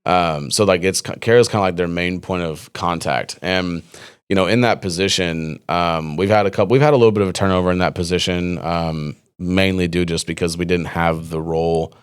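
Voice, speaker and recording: A man's voice: sits low, fairly quick, clear, resonant tone. A man hosting a podcast interview, talking casually and rambling with many fillers and restarts. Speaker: podcast host.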